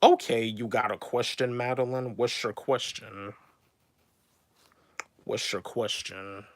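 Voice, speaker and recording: A man's voice: medium pitch, fairly even intonation, slow pace, dry recording. A man in his twenties, a YouTuber and rapper, chatting casually on a livestream, repeating his points and answering viewers by name. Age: 20s. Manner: repetitive, restates each point, calls out viewers by name.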